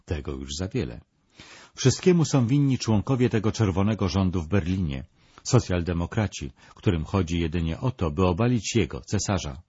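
A man reading a scripted historical documentary narration in a measured, even voice. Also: low-pitched, slightly rough, no room sound. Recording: dull, lo-fi dry voice-over.

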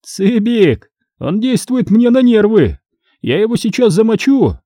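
A man's voice: high-pitched, big pitch swings, measured pace, dark tone, no room sound, studio quality, pitched above the performer's own voice, exaggerated voice. A man voicing an impatient, vicious male thug who threatens a victim. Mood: menacing. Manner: threatening, harsh.

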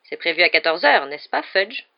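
A man's voice: high-pitched, sing-song, normal speed, highs cut off. A man voicing a frail, very old male wizard who speaks weakly and fretfully. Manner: weak, fretful.

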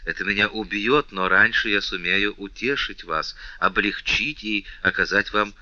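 A man playing a respectful, lovesick count who speaks with calm restraint, on a dull, dry recording. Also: on the low side, moderate pace, dry recording. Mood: restrained respectful.

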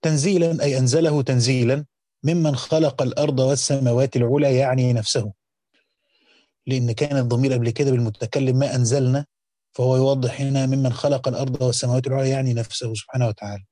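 A man's voice: mid-range voice, fairly even intonation, quick pace, mellow, no echo, studio quality. A man with an Egyptian accent reads a classical Quran commentary aloud and explains it, moving between careful formal reading and casual colloquial asides. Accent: Egyptian Arabic.

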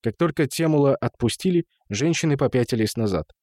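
A man reading an audiobook in measured storytelling, voicing the characters. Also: mid-range voice, lively intonation, a little mellow, no room sound, clean studio sound. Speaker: narrator. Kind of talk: audiobook narration.

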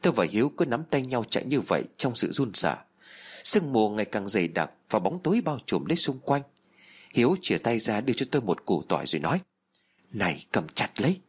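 Man, husky voice, expressive pitch, tense dramatic horror storytelling. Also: quick pace. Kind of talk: first-person horror story narration.

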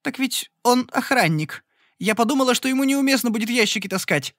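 A flustered young shop girl, as a male narrator puts her on, her voice pitched high and pleading. She is clumsy and anxious, always on the edge of tears. The recording is dry and close, with no room sound. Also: expressive, a little fast, dry recording. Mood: tearful. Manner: pleading, breathless.

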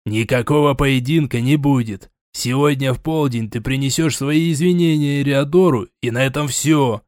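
A man's voice: mid-range voice, moderate pace, a little mellow, dry recording, studio quality, lightly acted. A man voicing a stern older prince who scolds, sighs and turns suspicious. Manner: scolding, sighing, sarcastic.

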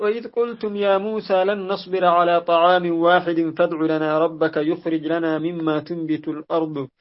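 A man reading a classical exegesis text aloud in a measured way, restarting after slips. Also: fairly high pitch. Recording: dull lo-fi audio.

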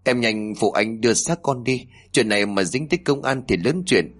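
A man voicing a cold, callous father in a horror story, calm and threatening. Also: mid-range voice, moderate pace, natural voice. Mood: menacing.

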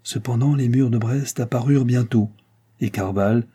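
A man narrating a historical novel in a steady, measured manner. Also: medium pitch, slightly rough. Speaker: audiobook narrator. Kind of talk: literary narration.

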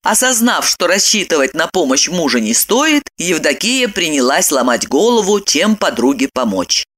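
Expressive woman reading an audiobook. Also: low voice, normal speed. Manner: expressive, ironic storytelling. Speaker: narrator. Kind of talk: audiobook narration.

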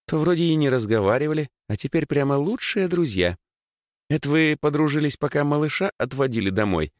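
A man's voice: a little high, lively intonation, fairly quick, no echo, studio quality, voice pushed up, lightly acted. A man reading a storybook and voicing a small, cheeky girl who teases her older brother. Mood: teasing. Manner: playful, teasing.

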